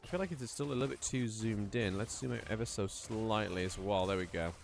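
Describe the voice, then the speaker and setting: A man casting a live esports match in a chatty, rambling play-by-play style that rises in excitement during fights. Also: fairly low pitch, fast talker, gravelly. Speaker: esports caster. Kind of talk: live play-by-play game commentary.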